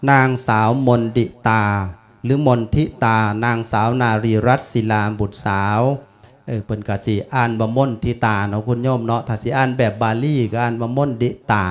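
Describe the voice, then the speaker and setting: In his fifties, a monk with an Isan accent delivers a funeral sermon that is folksy and chatty, weaving in chanted Pali. His voice sits at a medium pitch.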